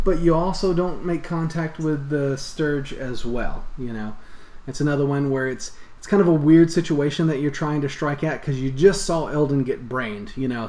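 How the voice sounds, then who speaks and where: A man's voice: a little high, darkish tone, echoey room. A man narrating as game master of a tabletop game, loose and full of fillers. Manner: loose, filler-heavy description.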